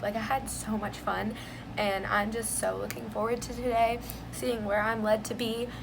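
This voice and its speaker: A young American woman chatting casually in a vlog with bubbly sorority-girl energy, her voice hoarse as if she is losing it. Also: fairly high pitch, noisy background. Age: young adult. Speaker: vlogger.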